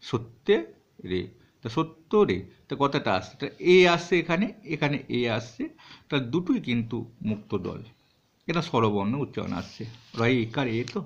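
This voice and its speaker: Lively-voiced man teaching, lo-fi. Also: mid-range voice, moderate pace. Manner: patient, spells words out syllable by syllable. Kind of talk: classroom explanation for students. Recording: dull lo-fi recording.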